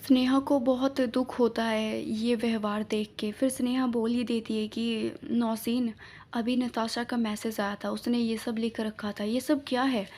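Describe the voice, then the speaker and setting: A woman's voice: on the high side, level tone, measured pace, a little mellow. A woman storyteller narrating a storybook tale in a plain, conversational way.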